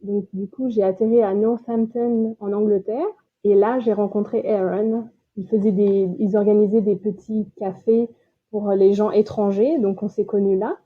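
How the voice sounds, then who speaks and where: A woman's voice: medium pitch, flat delivery, moderate pace, breathy edge. A French woman in her late thirties, a podcast guest chatting casually, talking with lots of fillers and restarts. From France. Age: 30s. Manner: chatty, many fillers and restarts, laughs easily. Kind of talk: casual interview chat. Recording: tinny phone-like line.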